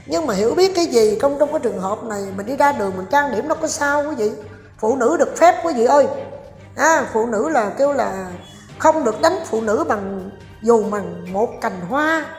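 A woman's voice: fairly high pitch, lively intonation, moderate pace. A woman giving a sarcastic, scolding commentary and speaking directly to her viewers. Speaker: online commentator. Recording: echoey room with long reverb and faint music.

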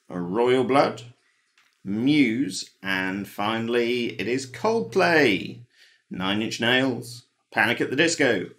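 A man's voice: mid-range voice, a bit bright. A man hosting a pub quiz, reading out the answers with dry, wry asides. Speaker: quiz host. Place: home, recorded alone.

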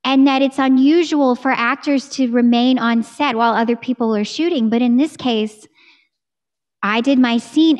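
Chatty American woman singer, bright-toned. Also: a little high. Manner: chatty and enthusiastic, talks with her hands. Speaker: singer and interview guest. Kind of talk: casual video-call interview. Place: home room with curtain backdrop. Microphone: studio mic on a boom arm.

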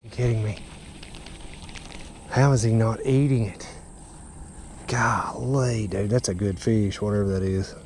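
A man's voice: fairly low pitch, fairly even intonation, a little slow, pauses often, darkish tone. Muttering Kentucky man fishing outdoors. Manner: mutters and exclaims to himself while fishing. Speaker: fishing vlogger. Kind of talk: casual running commentary. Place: outdoors at a grassy pond bank. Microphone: head-mounted action camera. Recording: outdoor wind noise.

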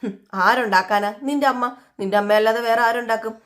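A woman's voice: on the high side, fairly quick, fairly bright tone, lightly acted. A woman voicing a tired older father in a retold TV serial, in a weary plain manner.

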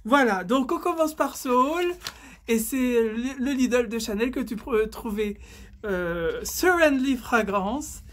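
Excitable, foul-mouthed woman vlogger. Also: on the high side, a little hiss or hum. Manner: excitable, swears often, stumbles over words. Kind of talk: casual unboxing haul vlog.

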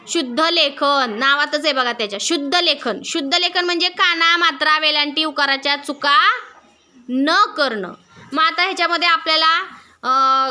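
A woman's voice: high-pitched, pushed and bright. A middle-aged woman teaching a class, walking pupils through each point and stopping to put questions to them. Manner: asks pupils questions and waits for answers. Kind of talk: classroom lesson.

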